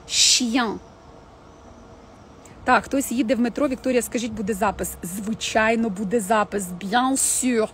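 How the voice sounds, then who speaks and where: A woman's voice: a little high, slight background noise. Chatty woman teaching French live. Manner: chatty, addresses viewers directly, models French words slowly. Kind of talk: casual live-stream lesson. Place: home, in the evening.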